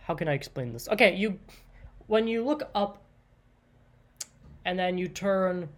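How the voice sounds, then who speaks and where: An easygoing solo podcaster talking through stories in a loose, unscripted way. The speech wanders, is full of fillers, and keeps circling back to explain a detail again. The pitch sits in the middle, neither high nor low. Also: expressive, a little slow. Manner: rambling, lots of likes and ums; stops often to clarify and rephrase. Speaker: podcast host. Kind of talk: casual solo podcast storytelling.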